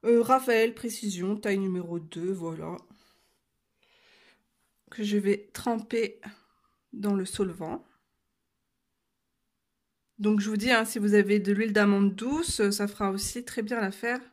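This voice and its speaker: A woman with an ordinary mid-range voice walks viewers through a coloring demonstration. She speaks casually and hesitantly, filling gaps with pauses, then drifts into friendly asides. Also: medium pitch, steady tone. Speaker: coloring tutorial creator.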